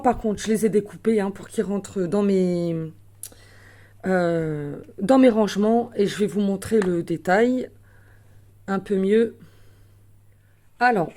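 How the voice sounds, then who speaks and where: A woman's voice: medium pitch, unhurried, pauses often, dark tone. A woman casually showing her craft purchases to viewers, chatty with many fillers and small self-corrections. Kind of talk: casual show-and-tell.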